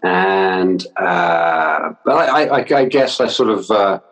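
A man with a fairly low voice speaks as an interview guest. He talks in an easygoing way, chuckling often and repeating words as he gathers his thoughts. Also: takes it slowly, low-quality recording. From London, with schooling in Wales. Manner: relaxed, laughing often, stammering restarts. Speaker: guest, fashion stylist. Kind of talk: casual interview chat.

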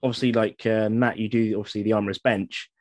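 A man's voice: on the low side, level tone, fast, darkish tone, no room sound. A man, a reenactor guest on a podcast, talking enthusiastically in a rambling way with many fillers. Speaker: guest, living history reenactor. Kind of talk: casual podcast chat.

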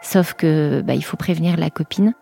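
A woman, recounting a personal memory in a chatty, halting way with many fillers and restarts. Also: sits low, vocal fry, dark tone, soft background music. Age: 40s. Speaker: guest telling her story. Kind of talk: personal testimony storytelling.

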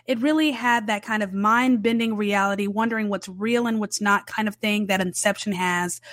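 A woman's voice: medium pitch, dry recording. Standard American woman reviewer, close dry sound. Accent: standard American with Southern roots. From southern United States. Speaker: film reviewer. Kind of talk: casual, conversational movie review.

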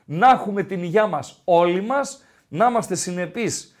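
A man's voice: high voice, animated. A male sports radio host talking football in a casual, rambling way with many filler sounds, in a radio studio.

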